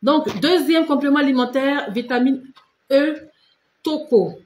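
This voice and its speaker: Woman, fairly high voice, casual live stream, repetitive and insistent, scolding tone, echoey room. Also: a little slow. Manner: repetitive, direct, addresses viewers as tu and vous. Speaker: beauty and skincare live streamer.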